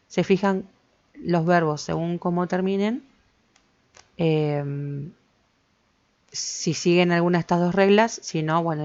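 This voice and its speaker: A woman's voice: deep voice, vocal fry, darkish tone, no room sound. A woman teaching English grammar to Spanish-speaking students, patiently going through each step and often checking "¿sí?". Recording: dull lo-fi with faint noise.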